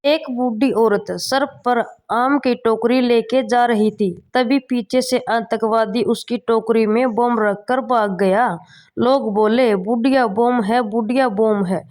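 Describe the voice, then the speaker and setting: A woman reads one short joke after another in a fairly high voice. She keeps an unhurried, deliberate pace and lets each punchline land. The delivery is plain comedy-channel joke reading. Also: fairly even intonation, a little mellow. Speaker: joke reader. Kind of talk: reading jokes aloud.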